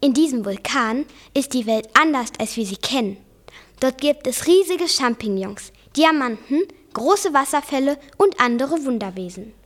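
A high-pitched girl reads a novel aloud for a school reading project. Her delivery is careful and deliberate. She narrates in plain storyteller fashion, sentence by sentence. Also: animated. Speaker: student reader.

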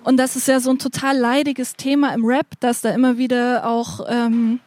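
A woman's voice: on the high side, flat delivery, normal speed, darkish tone, dry recording. Rambling young woman interviewer, dry sound. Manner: rambling, many fillers and hedging words. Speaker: podcast host interviewing a musician. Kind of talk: casual interview chat.

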